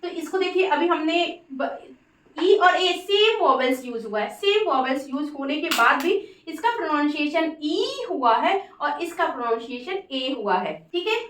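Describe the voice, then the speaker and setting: A woman with a high-pitched voice leads a phonics lesson, spelling words letter by letter and pausing to check understanding. She sits a little back from the mic, and the room gives her voice a noticeable echo. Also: sing-song, fairly bright tone, distant mic, a little hiss or hum. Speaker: English teacher. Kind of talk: Hindi-language English phonics lesson.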